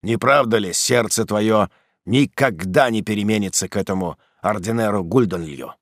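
A man voicing a bitter, vengeful old father in an audiobook, speaking gravely and low. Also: normal speed, dry recording, clean studio sound. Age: older. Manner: grave, brooding, bursts into fury.

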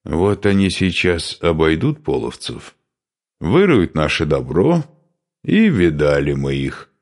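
A man's voice: extremely low pitch, wildly swooping pitch, slow pace, darkish tone, full character voice. A man doing a suspicious grumbling warrior. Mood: insistent. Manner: whispered, insistent.

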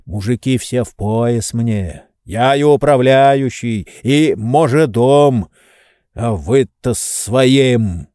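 A man voicing a hoarse, indignant old servant. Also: medium pitch, slow pace, mellow, no echo, clean studio sound, lightly acted. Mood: boastful. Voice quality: hoarse, wheezing. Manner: heated, indignant, boastful. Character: old male servant, hoarse, touchy and devoted. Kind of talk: audiobook reading.

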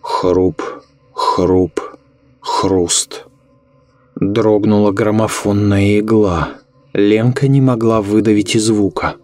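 Man, low voice, dry close sound, measured ominous horror narration. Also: steady tone, a little mellow, dry recording.

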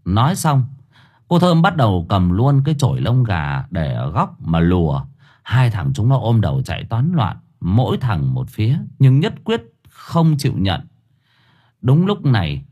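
A male audiobook narrator who tells the story slowly, with a lively, swinging melody. His voice is husky, and soft music plays underneath. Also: lowish voice. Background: faint music.

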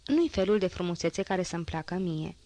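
A woman's voice: on the low side, lively intonation, mellow, close to an everyday voice. A woman voicing a cheeky, ragged street boy who teases and mocks. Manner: teasing and impudent.

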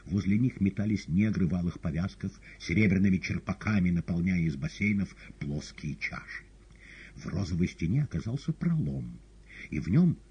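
A man narrating a novel as an audiobook in an expressive, dramatic reading. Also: low-pitched, husky, muffled recording. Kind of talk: scripted literary narration.

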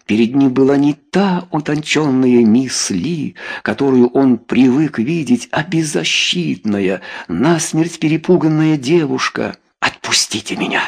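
A man reading a romance novel aloud as an audiobook, in a measured, dramatic storytelling manner. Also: mid-range voice, expressive, gravelly, a little mellow, slightly rough. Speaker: audiobook reader. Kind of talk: scripted narration.

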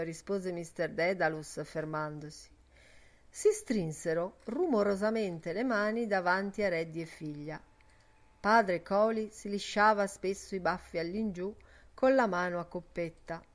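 A woman narrating a literary novel as an audiobook in a measured, even reading. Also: on the low side.

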